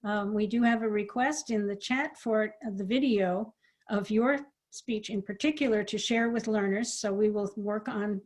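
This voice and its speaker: A woman moderates an online policy briefing, thanking and introducing speakers with warm encouragement. Her voice sits at a middle pitch and her delivery is smooth and steady. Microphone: video call.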